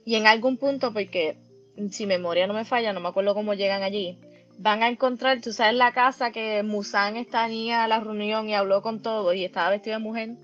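Animated woman avoiding spoilers. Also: medium pitch, a little fast, highs cut off, faint music behind. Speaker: podcast co-host. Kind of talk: casual anime discussion.

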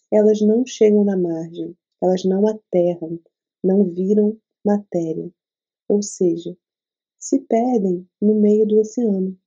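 A Brazilian woman leading a spiritual talk and guided meditation, speaking in an unhurried, soothing way with pauses between short phrases. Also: medium pitch, warm tone, slightly rough, lo-fi sound.

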